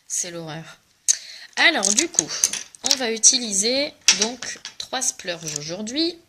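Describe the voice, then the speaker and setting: In a very noisy clip, a young woman with a cough speaks slowly in a slightly high, sing-song voice. She's a makeup vlogger selling cosmetics, chatting casually through a makeup tutorial and joking at her own expense in a self-mocking, chatty way.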